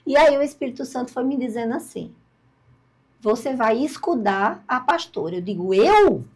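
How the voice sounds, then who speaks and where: An older woman, a podcast guest telling her story in a lively way and acting out the dialogue. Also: fairly high pitch, normal speed, breathy edge. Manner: lively storyteller, acts out dialogue, laughs at herself.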